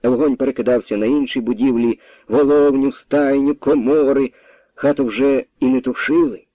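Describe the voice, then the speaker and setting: A man reading a historical story aloud in expressive scripted narration. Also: medium pitch, moderate pace, no echo, dull audio. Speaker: audiobook narrator.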